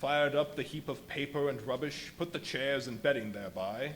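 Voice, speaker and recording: A man playing a feverish, boastful scientist turned invisible in a live radio play, telling his story in dramatic, literary phrases with emphatic pauses. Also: medium pitch, close to an everyday voice. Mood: anguished, intense. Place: live performance at a brewery venue. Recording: live stage performance with audible background noise.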